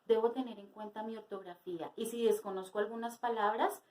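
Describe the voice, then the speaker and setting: A woman teacher giving a spoken lesson to her students, explaining slowly and asking rhetorical questions. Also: on the high side, fairly even intonation, mellow, low-quality recording.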